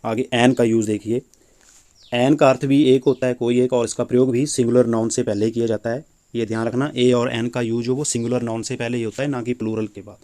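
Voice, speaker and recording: A man's voice: mid-range voice, dark tone. A man teaching a grammar lesson, patiently explaining and repeating points with rhetorical questions.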